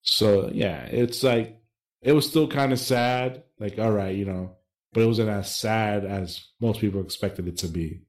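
A man's voice: on the low side, a little slow. A man co-hosting a podcast, explaining his views at length in casual chat with fillers. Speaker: podcast co-host.

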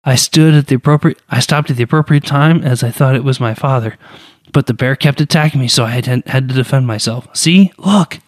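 A man's voice: mid-range voice, fairly quick, no room sound, clean studio sound, natural voice. A man voicing a panicked young male warrior who stammers and pleads his innocence. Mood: pleading.

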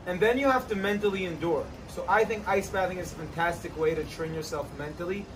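A man hosting a casual outdoor chat, giving energetic, joking fitness advice beside an ice bath. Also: sits high, quick pace, distant mic, background noise. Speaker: host, trainer.

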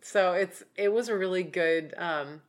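A woman's voice: on the low side, measured pace. A woman from Oregon co-hosting a podcast in casual chat, chatty with many fillers and frequent laughs. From Oregon, USA. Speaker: podcast co-host.

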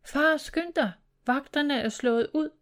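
A woman voicing an excitable young male dragon-monster, calling out excitedly in a storybook tale. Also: sits high, voice pushed up, lightly acted. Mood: alarmed. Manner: excited, shouting.

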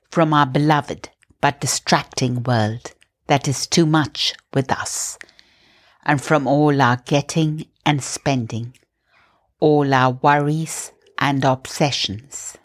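Slow, low-voiced woman guiding prayer. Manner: slow, soft, calm guiding. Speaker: meditation host. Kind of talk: guided prayer meditation.

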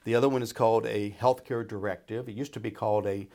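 A man's voice: on the low side, steady tone, fast, dark tone. A man speaking as a financial expert, explaining in an informal, folksy way and checking in as he goes. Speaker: retirement planner and radio show expert. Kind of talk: conversational explaining.

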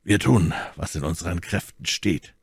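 A man reading the part of a grave, calm musketeer leader in a storybook reading, in a measured, serious manner. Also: low-pitched, husky, no echo.

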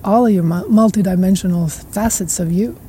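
A woman's voice: medium pitch, slight background noise. A woman hosting a podcast, musing at length in a reflective spiritual monologue. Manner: slow, musing, with soft laughs and trailing repetitions. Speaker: podcast host.

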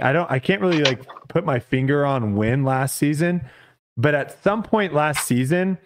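Easygoing man in his thirties. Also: a little high. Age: 30s. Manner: easygoing, self-deprecating, chatty. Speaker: podcast co-host. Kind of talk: casual chat.

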